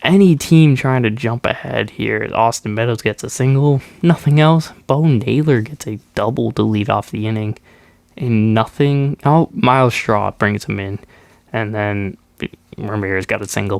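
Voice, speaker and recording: A man's voice: mid-range voice, vocal fry, darkish tone, dry recording. A young man with a stuffed-up nose casually recapping his baseball video game, with plenty of ums and restarts. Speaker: gaming YouTuber. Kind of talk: casual gameplay commentary.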